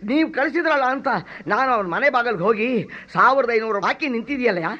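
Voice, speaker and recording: In a stage comedy, an actor plays a loud, cheeky male servant who mocks everyone around him. His very high, sharp, expressive voice is heavily acted as he fires off rapid strings of abusive insults and mimics others with obvious scorn. The drama recording sounds dull and lo-fi.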